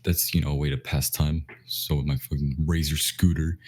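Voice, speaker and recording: A man's voice: very deep voice, fairly even intonation, moderate pace, a little mellow, slightly rough. A man co-hosting a podcast in casual chat, often restarting words and saying "bro". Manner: stammering restarts, says "bro" a lot. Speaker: podcast co-host.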